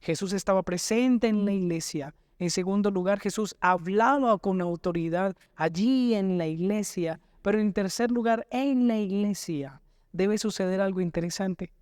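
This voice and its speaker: Colombian male pastor, high voice, affirming co-host, dry studio sound. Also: normal speed, darkish tone, smooth, no room sound. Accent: Colombian Spanish. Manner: affirming, asks questions, reads scripture. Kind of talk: Bible lesson discussion.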